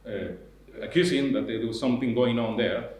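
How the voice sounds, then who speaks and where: A man lectures to an audience, his mid-pitched voice breaking into restarts and repeated words as he goes. The sound carries the heavy echo of a big lecture hall. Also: moderate pace, a little mellow. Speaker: university lecturer. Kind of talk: academic lecture.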